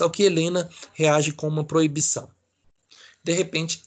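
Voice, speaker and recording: Chatty Brazilian male teacher, higher voice. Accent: Brazilian Portuguese. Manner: casual, many fillers, checks in with students. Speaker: psychology lecturer. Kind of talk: online class reading a case aloud.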